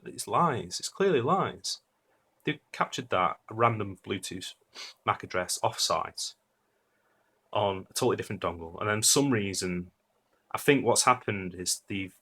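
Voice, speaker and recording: A man talks through a technical debunking in a casual, rambling way, full of ums and restarts. He is blunt and openly scornful. His voice sits very low and sounds husky. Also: sharp tone. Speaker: debunking commentator.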